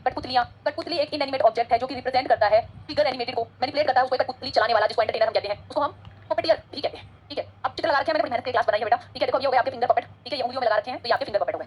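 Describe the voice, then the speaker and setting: A woman teaching an exam-prep lecture, chatty and code-switching between Hindi and English. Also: high voice.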